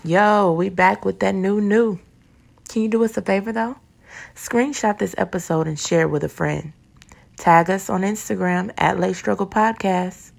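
A woman's voice: medium pitch, moderate pace, creaky. A woman co-hosting a podcast at home, talking in a casual, joking way and laughing often. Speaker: podcast co-host. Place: at home, family in the kitchen nearby.

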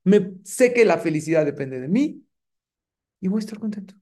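A middle-aged man, a rabbi giving a lively sermon and putting rhetorical questions to his congregation. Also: sits high, normal speed. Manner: engaging, asks the audience rhetorical questions.

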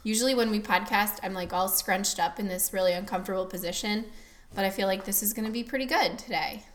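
A woman's voice: mid-range voice, fast. A young woman from the US Midwest co-hosting a casual podcast at home. She talks chattily and laughs often. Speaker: podcast co-host. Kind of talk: casual chat.

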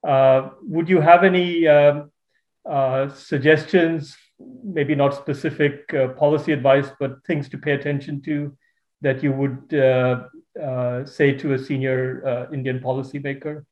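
A man hosting an interview over a video call, asking long questions with many pauses and restarts. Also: medium pitch, little pitch movement, lo-fi sound. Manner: hesitant, many fillers and restarts. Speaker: interviewer host.

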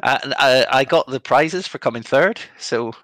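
A man's voice: medium pitch, normal speed, a bit bright, no room sound. A man hosting a casual podcast chat, rambling and self-deprecating with lots of ums. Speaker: podcast host.

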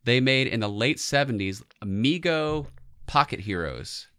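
A man's voice: mid-range voice, expressive, a little slow, sharp tone, smooth. A man in his forties co-hosting a podcast, chatting casually about pop culture. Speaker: podcast co-host.

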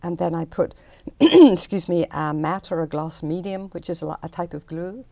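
A woman's voice: lowish voice, moderate pace, gravelly, dark tone, no echo. An older woman, an artist explaining her work in a chatty interview. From Northern Ireland.

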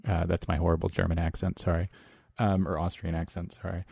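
A man with a low, gravelly voice hosts a podcast interview in a dry, close room. He picks his words carefully, often correcting himself mid-phrase. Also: level tone, fairly quick, a little mellow, no room sound. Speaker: podcast host. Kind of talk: interview questions.

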